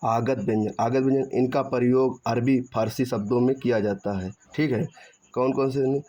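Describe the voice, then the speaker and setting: A man with a medium-pitched, dark voice teaches Hindi grammar online at normal speed and a steady tone. He repeats points, asks and answers his own questions, checks in with "theek hai," and drags out syllables when spelling sounds, on a dull, muffled lo-fi recording.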